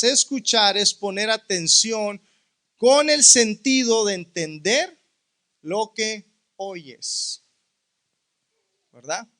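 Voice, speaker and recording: A man preaching a sermon as a pastor, teaching with rhetorical questions and drawing out key words slowly. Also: high voice, bright, forceful tone. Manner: asks the listeners rhetorical questions.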